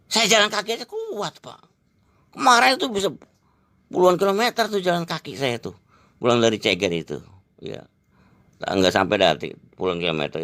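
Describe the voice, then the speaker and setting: A man's voice: a little high, gravelly, fairly bright tone, dry recording. A man, telling a long rambling story and dropping "gitu" and "Pak" again and again. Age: 70s. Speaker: exercise teacher. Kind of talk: casual storytelling to an interviewer.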